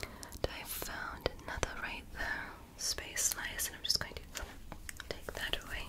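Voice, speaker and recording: Playing a tender alien medical examiner, a female ASMR performer whispers slowly and purposefully, offering steady reassurance in a calming tone.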